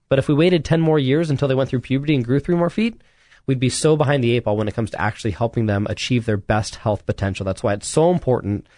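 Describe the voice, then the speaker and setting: A man's voice: mid-range voice, a little mellow, dry recording, studio quality. A man, a chiropractor, hosting a solo radio health talk, speaking earnestly and urgently, often restarting his sentences and adding "you know".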